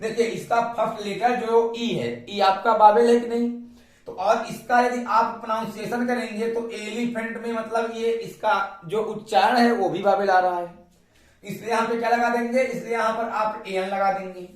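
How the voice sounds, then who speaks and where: High-voiced indian guy teaching grammar, keeps asking and answering himself, roomy sound. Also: steady tone, moderate pace, far from the mic. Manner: repeats questions to students. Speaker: English teacher. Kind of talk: classroom grammar lesson.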